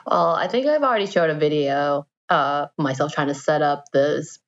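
A woman's voice: sits low, normal speed. A woman co-hosting a podcast in casual conversation from her dining room, on a home microphone over an internet call. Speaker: podcast co-host. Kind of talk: casual chat. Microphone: home microphone and headset over an internet call. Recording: slightly dull home internet-call recording.

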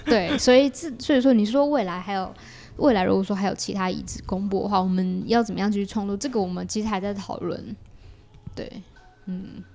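Speaking fast in a medium-pitched voice with a dark tone, a woman with a Taiwanese Mandarin accent chats as a podcast guest. She explains her creative work in a casual, conversational way.

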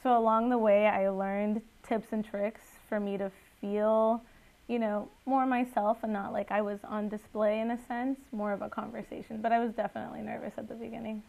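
A woman's voice: mid-range voice, flat delivery, normal speed, vocal fry, darkish tone, low-quality recording. A woman in her twenties, originally from Guatemala, talking earnestly as a guest entrepreneur in a podcast interview with plenty of fillers. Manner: earnest, chatty with frequent fillers.

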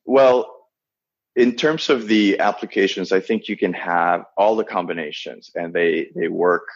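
Here a guest in an interview, a native Spanish speaker from the Dominican Republic, reflects aloud with a deep, husky, gravelly voice. He stops, restarts and leans on fillers often while sorting out his thoughts. The audio has no echo and sounds dry and a bit dull.

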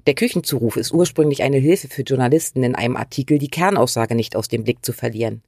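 A woman's voice: rumbling low, fast, darkish tone, no echo. Woman giving direct, dry writing tips. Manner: direct and instructive, uses imperatives. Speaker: writing coach and channel host. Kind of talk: scripted tutorial addressing the viewer.

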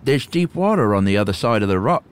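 A reclusive island hermit, as a man puts him on, clipped and old-fashioned in his phrasing. He sounds slightly nervous beneath his chummy storybook manner. His voice sits fairly low but swings widely in pitch. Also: big pitch swings, fast, clear, resonant tone. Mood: offhand chummy. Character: reclusive male hermit, shy, clipped gentleman.

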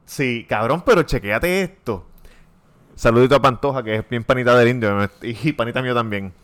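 A man's voice: mid-range voice, a little fast. A man with a Puerto Rican accent, co-hosting a podcast and telling stories in casual chat, acting out the voices of the people he quotes. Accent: Puerto Rican Spanish. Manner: animated storytelling, acts out quoted voices, laughs often. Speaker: podcast co-host.

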